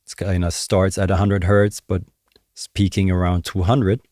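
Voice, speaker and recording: In a small home studio, a young music production tutor explains things casually, thinking aloud into a close desk mic with headphones on. His low voice is level, a little mellow, at normal speed, with no echo. Music and drum samples are in the background.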